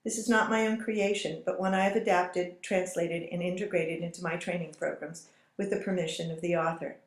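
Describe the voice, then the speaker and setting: A middle-aged Californian woman running for office delivers a prepared video statement in a measured, earnest, slightly halting way. Her voice sits fairly low and stays steady. The room is echoey, with a faint hiss underneath.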